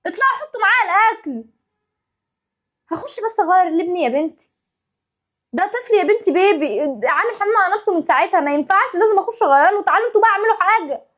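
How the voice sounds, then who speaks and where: A woman's voice: very high-pitched, expressive, fairly bright tone. A woman with an Egyptian accent playing a put-upon young wife and mother in a family sketch, talking in an exasperated, pleading way. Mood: aggrieved. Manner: exasperated, pleading, quick rapid-fire talk. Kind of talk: home-video family sketch acting.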